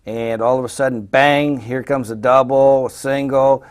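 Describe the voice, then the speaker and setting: A man who coaches college softball, answering interview questions in a folksy way. He often trails off into quiet fillers. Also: medium pitch, fairly even intonation, normal speed, clear, resonant tone.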